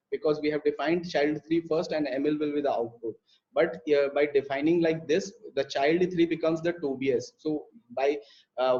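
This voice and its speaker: Over muffled, lo-fi live stream audio, a young programming instructor walks through code step by step during a live online lesson. He sounds hesitant, using many fillers and restarts, and his warm voice is a little high.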